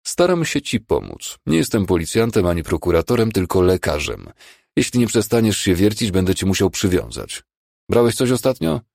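Calm brisk er doctor from an audiobook, read by a guy with a deep gravelly voice. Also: dry recording, clean studio sound, heavily acted. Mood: curt. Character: calm, curt male emergency doctor.

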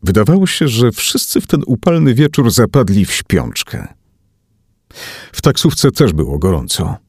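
Man, audiobook narration, husky lowish voice, lively intonation. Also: normal speed, no room sound, studio quality. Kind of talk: scripted narration.

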